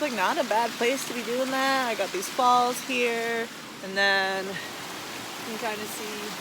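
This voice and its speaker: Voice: medium pitch, noisy background. An American hiker recording a casual, rambling video diary outdoors beside falls, hesitating and saying "like" often. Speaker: vlogger, long-distance hiker. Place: outdoors beside rushing waterfall. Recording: loud rushing water behind voice.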